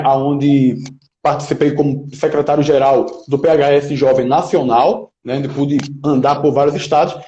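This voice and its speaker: A man's voice: on the high side, mellow. A man, answering interview questions as a political pre-candidate in an emphatic, speechmaking way, often tagging his points with "né?". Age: 20s. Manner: emphatic, speechmaking, leans on "né?" tags. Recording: roomy, slightly dull lo-fi sound.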